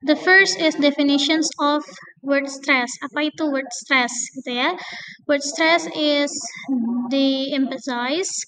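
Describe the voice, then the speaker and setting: A woman with an Indonesian accent giving a recorded pronunciation lecture, switching between Indonesian and English, with hesitant fillers and slowly stretched example words. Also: high voice, fairly bright tone, smooth, low-quality recording. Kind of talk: recorded lecture explaining word stress.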